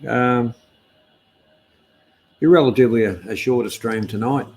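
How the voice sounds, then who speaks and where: A man's voice: mid-range voice, a little slow, darkish tone, a little hiss or hum. An Australian man hosting a casual live stream news chat, speaking in a laconic, hesitant, easygoing outback drawl.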